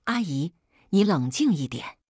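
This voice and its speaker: A woman voicing a cold young man who speaks curtly, scolding one person and placating another, in a husky voice. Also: lowish voice, big pitch swings, measured pace, darkish tone, no echo, clean studio sound, exaggerated voice. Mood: stern. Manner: curt, placating the elder, scolding.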